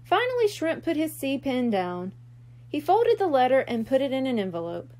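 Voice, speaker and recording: Reading a children's storybook aloud, a woman uses a high voice and an expressive delivery full of lively rises and falls, keeping to a normal speed.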